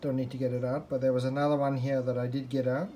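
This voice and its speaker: This hobbyist restorer has a dark, medium-pitched voice with a level tone, and he talks fast. Thinking aloud, he walks through a repair hesitantly and without a script, keeping things informal. He's seated at a desk indoors, recorded on handheld phone video from behind the lens with noise in the background.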